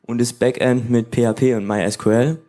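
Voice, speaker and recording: Male presenter at mid pitch, covering technical details in a brief, halting delivery. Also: steady tone, dark tone. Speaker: team presenter at a hackathon.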